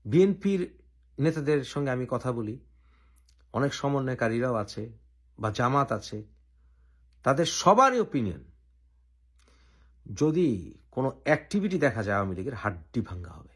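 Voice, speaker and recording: A man from Bangladesh hosting his own channel, giving an opinionated political commentary and laying out his argument point by point with deliberate pauses. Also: mid-range voice, very animated, a bit bright, husky.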